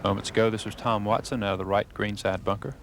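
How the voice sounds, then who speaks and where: A man's voice: fairly low pitch, fairly even intonation, quick pace. A man giving brief, descriptive golf commentary on a tournament broadcast. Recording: noisy outdoor 1980s broadcast.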